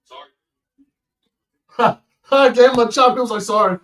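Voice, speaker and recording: A man hosting a watch-party stream, calling the action excitedly and giving blunt opinions in a casual chat. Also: very high-pitched, normal speed. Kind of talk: casual live-stream commentary.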